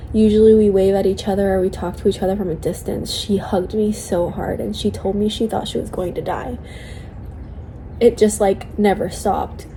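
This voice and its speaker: Woman, tearful, mellow tone, casual vlog talk, halting, confiding, faint background noise. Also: mid-range voice, poor audio. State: tearful, crying. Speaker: vlogger sharing a personal update.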